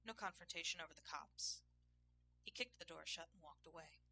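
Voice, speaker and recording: A woman narrates a scripted story in a soft, hushed voice that sometimes slips into a whisper. Her voice sits low and gravelly. It carries a bright, crisp edge. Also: a little fast.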